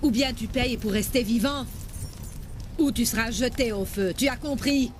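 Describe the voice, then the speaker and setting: An actor dubbing a stern pagan priest who issues harsh commands, in a historical drama. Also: male voice, very high voice, normal speed, a little hiss or hum. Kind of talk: French dub of a historical series.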